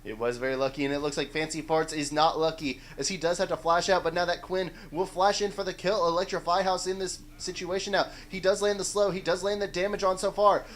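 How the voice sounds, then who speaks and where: A man calls a live esports match play-by-play, his voice sitting a little high. He is excitable and pushes up into shouts when the big plays land. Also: brisk, hardly any pauses, slight background noise.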